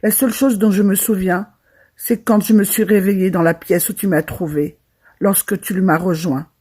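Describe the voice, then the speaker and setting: Young woman telling a creepy storytime, dramatic and lively, voicing the people in it. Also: medium pitch, normal speed, husky. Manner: dramatic, lively retelling with quoted voices. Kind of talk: first-person horror storytime narration.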